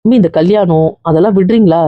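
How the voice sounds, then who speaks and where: A woman's voice: on the low side, quick pace, no room sound, lightly acted. A woman playing a firm, scolding relative. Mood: stern. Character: stern female relative, firm. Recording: muffled lo-fi sound.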